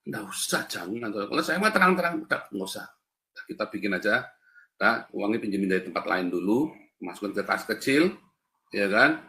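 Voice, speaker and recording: A man's voice: lowish voice, sing-song, normal speed, sharp tone. A man preaching to a congregation in a casual, storytelling way, with an Indonesian accent, often calling his listeners "brothers". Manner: addresses the congregation as "Saudara" again and again, anecdotal. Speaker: pastor. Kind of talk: sermon.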